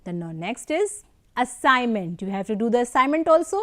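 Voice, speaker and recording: A woman teacher, giving a slow English lesson to young children, spelling out words and praising often. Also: on the high side, sing-song, pushed and bright. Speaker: primary school English teacher.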